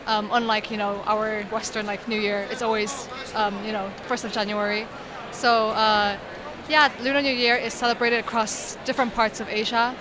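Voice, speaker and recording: A woman's voice: a little high, level tone, moderate pace. An Irish woman chatting as a guest at an exhibition stand, with loose speech full of "like" and "you know". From Ireland. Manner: chatty, lots of filler words like "like" and "you know". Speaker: interview guest. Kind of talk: casual chat. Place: busy exhibition hall. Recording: crowd noise of a busy expo hall.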